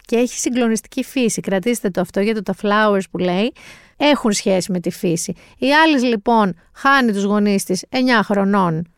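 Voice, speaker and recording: A woman co-hosting a casual talk show, chatting lively and emphatically about new TV series. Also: medium pitch, clean tone, dry recording, clean studio sound. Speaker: podcast co-host recommending series. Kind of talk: casual chat.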